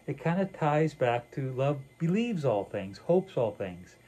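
A man's voice: mid-range voice, very animated, measured pace, warm tone, breathy edge, rough recording. An older man, a pastor, talks through a sermon with a co-host in a small wood-paneled room, earnest and reflective with many "you know"s. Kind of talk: conversational sermon dialogue.

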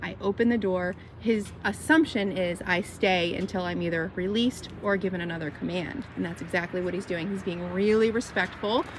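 The speaker is a calm, upbeat woman dog trainer with a lowish voice, a moderate pace and few pauses. She records a casual instructional vlog at arm's length on her phone camera, inside a parked car and then out on a street, with noisy car and street sounds in the background.

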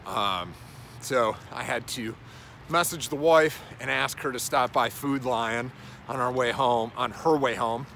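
A gym owner in his thirties, nose running, rambles and swears through a casual walking vlog on a suburban street at dusk, phone held at arm's length. His mid-range voice has vocal fry and a bright, forceful tone at a measured pace, with lots of "uh" fillers and slight background noise.

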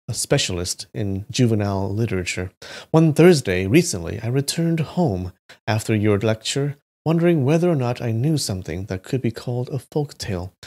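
A man reading old folktales aloud and breaking off for relaxed, joking asides to his viewers. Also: medium pitch. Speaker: YouTube history host.

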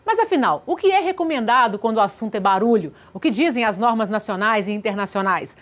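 A woman presenting a television program in a clear, inviting announcer style. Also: a little high, expressive, fast talker. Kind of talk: scripted news presenting.

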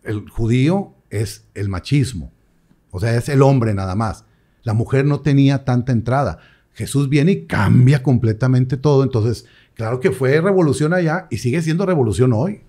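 A young adult priest chats casually in an interview. His voice is mellow and warm, pitched in a middle range, and he tells stories with lively quoted voices. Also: normal speed. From Mexico. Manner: animated storyteller, acts out quoted voices.

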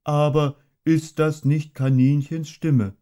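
A man voicing a simple, good-natured, honey-loving male bear in a storybook reading, with a slow, hummy, deliberate way of talking. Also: a little high, flat delivery, dark tone, pitched above the performer's own voice. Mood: cheerful, slow. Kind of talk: audiobook character voice.

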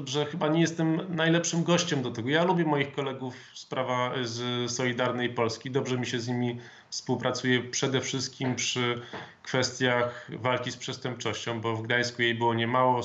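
A man in his thirties, a member of parliament, answering interview questions over a video call in a measured, formal way with some hesitant fillers. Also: mid-range voice, level tone, fairly bright tone. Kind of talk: political interview. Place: home office with flag, indoors. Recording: dull lo-fi video call audio.

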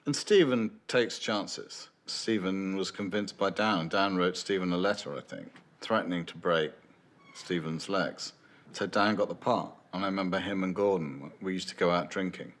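An older man speaks in a very deep, low register, sitting for a documentary interview in a dim, lamp-lit room. He muses aloud as a screenwriter, circling back, restarting phrases and leaning on "you know" as he thinks. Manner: thoughtful, musing, with frequent restarts and "you know". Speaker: screenwriter interviewed about his film. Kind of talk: reflective interview answers. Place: dim indoor room with lamps behind. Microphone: medium shot, seated, unseen mic.

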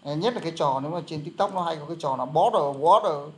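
Một người đàn ông dạy tiếng Anh, giảng giải kiểu trò chuyện thân mật với nhiều từ đệm. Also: male voice, on the high side, fast talker, darkish tone. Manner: chatty explaining, many fillers. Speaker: English teacher. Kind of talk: casual online lesson.

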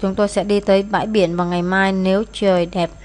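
A woman teacher talks a class through test answers, mixing in English phrases as she reads them out. She pauses often with hesitant fillers and keeps a plain, everyday voice of middle pitch. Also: level tone, a little mellow. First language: Vietnamese. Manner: explains in Vietnamese, reads English phrases aloud. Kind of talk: exam answer walkthrough.

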